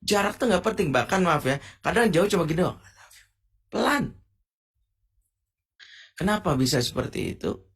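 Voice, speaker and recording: A middle-aged man giving a lively sermon, acting out quotes and jokes playfully. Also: mid-range voice, creaky, slightly rough. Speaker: preacher. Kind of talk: lively sermon with acted examples.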